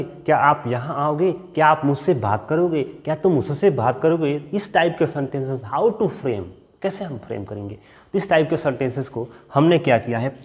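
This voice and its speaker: A man teaching an English grammar lesson, explaining patiently, dictating example sentences slowly and often checking that students understand. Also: a little high, long reverb tail. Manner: checks understanding with repeated questions.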